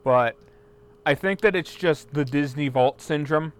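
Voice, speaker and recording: A man's voice: a little high, unhurried, clean tone. A man chatting casually on a podcast, blunt and opinionated, swearing now and then. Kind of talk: casual chat.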